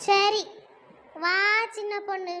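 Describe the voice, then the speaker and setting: A woman voicing a gentle, soft-hearted village woman in a cartoon comedy. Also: very high voice, little pitch movement, takes it slowly, heavily acted. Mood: worried.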